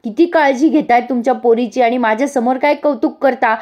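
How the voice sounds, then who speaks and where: A woman's voice: sits high, a little fast, darkish tone, pitched above the performer's own voice, lightly acted. A woman voicing a haughty rich mother-in-law who scolds harshly in a TV serial recap. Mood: scolding.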